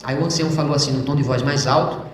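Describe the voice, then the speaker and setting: A man giving an emotional church testimony, speaking fervently to the congregation and swinging between loud and hushed passages. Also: mid-range voice, fairly even intonation, fast talker, slight background noise. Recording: very echoey church hall.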